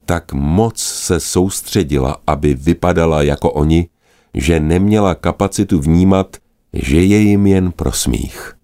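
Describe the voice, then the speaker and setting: A man narrating a children's animal story in a gentle, expressive manner. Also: low-pitched.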